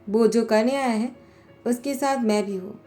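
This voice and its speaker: A woman's voice: a little high, normal speed, warm tone, soft background music, close to an everyday voice. A woman voicing a meddling young man who needles the others with provoking questions. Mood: pushy.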